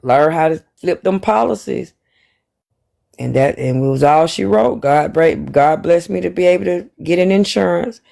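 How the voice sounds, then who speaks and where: A man's voice: a little high, moderate pace, vocal fry, darkish tone. A man, telling his story in casual chat and preaching about planning for money.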